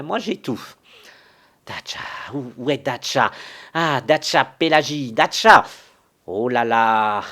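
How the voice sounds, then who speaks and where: A fussy, panicky old manservant, put on by a man, his voice pitched well up into a flustered, fretful wail. He is one figure in a solo dramatic reading of a stage farce. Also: gravelly, full character voice. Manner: high, flustered, fretful wailing.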